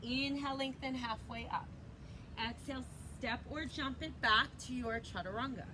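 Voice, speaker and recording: A woman's voice: on the high side, background noise. A woman teaching a yoga flow outdoors, cueing breaths and poses in a chatty, casual way. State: slightly out of breath. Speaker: yoga instructor.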